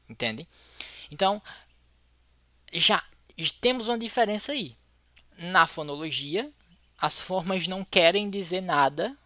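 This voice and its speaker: Bright-voiced Brazilian teacher lecturing. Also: medium pitch, no echo. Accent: Brazilian Portuguese. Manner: thinks aloud, restarting words mid-explanation. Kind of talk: explanatory lecture.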